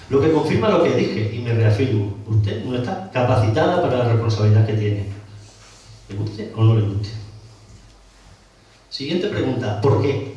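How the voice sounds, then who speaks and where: Combative councillor in an echoey hall. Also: male voice, medium pitch, a little mellow. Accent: Extremaduran Spanish. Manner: combative, hammering repeated questions. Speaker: opposition town councillor. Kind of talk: council meeting speech. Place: council chamber. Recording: very echoey hall, distant mic.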